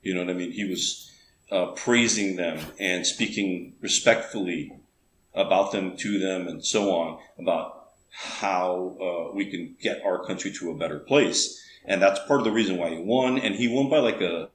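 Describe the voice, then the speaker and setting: A man with a fairly deep voice, raised on the border between Texas and Mexico, talks as a guest in a relaxed interview. He lays out his views earnestly and thinks aloud. The room around him is echoey, with a faint background hum. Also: moderate pace. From Texas–Mexico border region. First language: bilingual English and Spanish. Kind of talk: casual interview.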